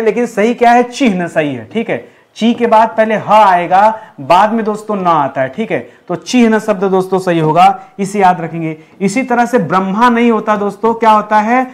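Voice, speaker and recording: A male teacher with a high-pitched voice drills exam spelling in a lesson. He asks the class again and again which form is right and stretches the tricky words out slowly, syllable by syllable. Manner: repeats questions to the class, addresses viewers as friends.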